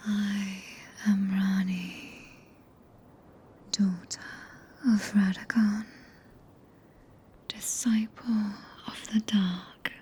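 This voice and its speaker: A woman with a British accent voicing a tender, possessive, regal witch mistress in a breathy, archaic whisper for an ASMR roleplay, close to a binaural microphone. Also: medium pitch, little pitch movement, drawn-out words, pauses often, darkish tone, heavily acted. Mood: solemn, tender.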